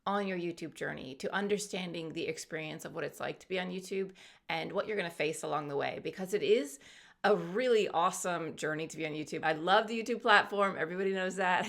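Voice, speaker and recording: A woman's voice: on the low side, vocal fry, fairly bright tone. A woman YouTube coach in her thirties, casually talking viewers through an imagined journey with plenty of fillers. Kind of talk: guided imagery storytelling.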